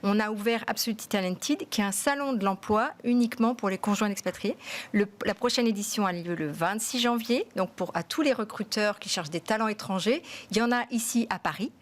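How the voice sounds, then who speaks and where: Woman guest, founder, earnest and explanatory, steady mid voice, studio interview. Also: mid-range voice, a little fast. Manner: earnest, explanatory, repeats for emphasis. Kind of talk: TV interview answers.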